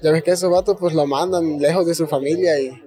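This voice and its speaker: A man's voice: fairly high pitch, steady tone, warm tone, faint music behind. A young man with a Mexican accent, a guest telling stories in casual chat. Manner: slangy, unhurried storytelling.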